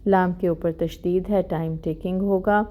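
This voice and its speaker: A woman teaching tajweed in an online lesson, explaining each rule plainly and reciting verses slowly and drawn out. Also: lowish voice, fairly even intonation, mellow. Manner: explains rules plainly, mixing in English words.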